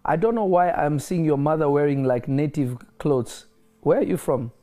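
A man's voice: a little high, normal speed, dark tone, faint music behind. A man delivering a prophetic word to a caller, declaring blessings and often asking if he is listening. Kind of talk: prophetic ministry over a phone call.

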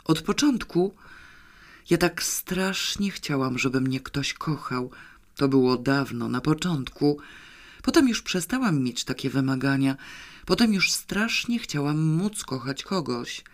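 A man's voice: on the high side, expressive, measured pace. A man voicing a distraught, betrayed woman in an audiobook, speaking emotionally with a raised voice. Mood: despairing.

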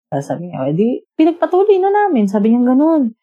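Woman, casual storyteller, animated and chatty, quotes the argument. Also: high-pitched, a little fast, narrow, tinny audio. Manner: animated, quotes both sides of a breakup argument, laughs often. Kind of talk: casual storytelling among friends.

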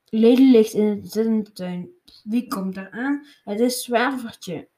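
A woman reading a children's picture book aloud, slowly and with small slips and restarts. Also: fairly high pitch, mellow, echoey room. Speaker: storybook reader.

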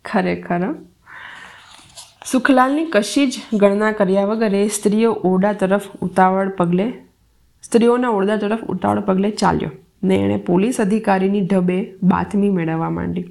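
Gravelly woman reading a novel aloud. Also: medium pitch, moderate pace, a little mellow. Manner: reads with restarts and chatty side comments. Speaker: storyteller.

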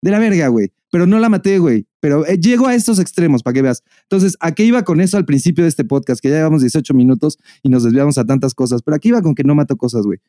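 A man with a Mexican Spanish accent, co-hosting a podcast and telling a story in casual, animated chat, full of swearing and laughter. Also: a little high, quick pace, hardly any pauses, no room sound, clean studio sound. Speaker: podcast co-host.

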